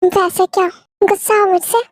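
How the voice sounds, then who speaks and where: A woman's voice: very high voice, little pitch movement, normal speed, a little mellow, no echo, clean studio sound. A woman voicing a playful, persistent young man who coaxes and teases in a fan-made audio drama. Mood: coaxing. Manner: playful, coaxing.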